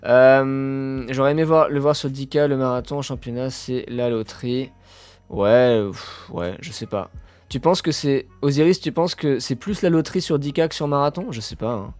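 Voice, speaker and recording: A man hosting a casual live stream about athletics, talking with his chat, full of fillers and sudden excited bursts. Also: medium pitch, moderate pace, no echo.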